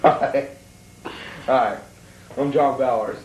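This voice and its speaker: A man's voice: medium pitch, extremely slow, a little mellow, muffled recording. A man hosting a homemade comedy sketch show, giving an indignant, mock-serious rant that stammers now and then. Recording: echoey, distant, slightly noisy room.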